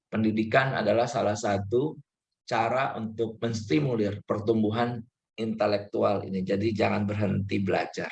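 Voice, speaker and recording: Gravelly-voiced pastor preaching. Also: male voice, mid-range voice. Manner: conversational preaching with English terms mixed in; acts out little dialogues and laughs now and then. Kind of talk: sermon.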